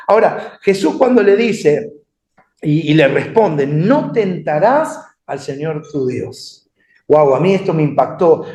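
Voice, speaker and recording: Animated Rioplatense preacher in echoey hall. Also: male voice, a little high. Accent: Rioplatense Spanish. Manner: conversational, animated, asks the congregation questions. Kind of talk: sermon. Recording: echoey room.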